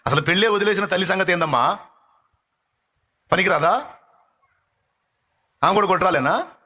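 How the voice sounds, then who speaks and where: A male pastor preaching a fiery live sermon, exhorting and rebuking with rapid repetitions. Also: high voice, bright, forceful tone. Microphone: live-stream microphone.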